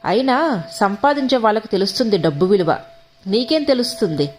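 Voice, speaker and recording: A woman's voice: mid-range voice, expressive, a little fast, darkish tone, a little hiss or hum, close to an everyday voice. Lady reading as a sneery bossy husband who scolds his wife, audiobook story. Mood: mocking. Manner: mocking, berating. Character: arrogant scornful young husband, man.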